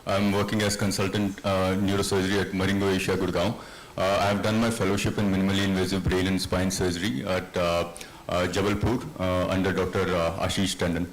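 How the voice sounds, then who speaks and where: A male consultant neurosurgeon introducing himself hesitantly, with many pauses. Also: low-pitched, level tone, low-quality recording. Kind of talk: self-introduction.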